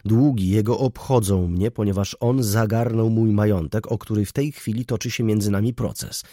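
A man's voice: on the low side, normal speed, warm tone, no room sound, clean studio sound, close to an everyday voice. A man voicing an agitated, proud noblewoman who speaks in an indignant, trembling tone.

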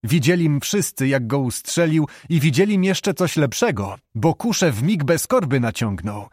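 A man's voice: a little high, very animated, moderate pace, darkish tone, dry recording, studio quality. A man reading an audiobook, voicing a hearty, joking middle-aged knight who is a doting father. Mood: jovial.

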